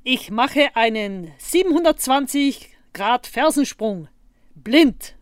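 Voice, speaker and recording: A woman's voice: mid-range voice, expressive, fast talker, no room sound, studio quality, natural voice. A woman voicing a boastful, clumsy young boy fighter in a storybook reading. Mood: cocky.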